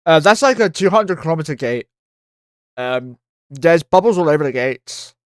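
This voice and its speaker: A man talking through a live game stream in a loose, offhand way, cursing as he reacts. His voice sits a little high for a man, and it comes through a close mic in a dry, deadened space. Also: animated, moderate pace, no echo. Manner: casual, thinking aloud, swears freely.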